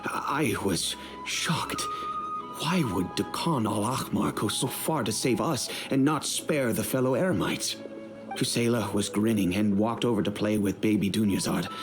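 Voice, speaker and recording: An actor voices a solemn, middle-aged noble patriarch and father, narrating in a slow, grave, storytelling manner while game music plays underneath. His pitch is on the low side.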